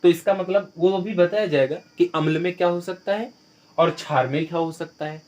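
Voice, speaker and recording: A man with a slightly high voice teaches a school science class in Hindi. He works through each idea with everyday examples, asks questions and then answers them himself, and clears his throat now and then. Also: normal speed, a little mellow.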